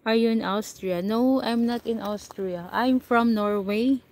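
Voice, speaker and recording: Speaking slowly in a slightly high, darkish voice, this livestream host from the Philippines chats casually with her audience. She has a Filipino accent, responds to viewer comments, and laughs a lot, recorded on a camera or phone mic a short distance away.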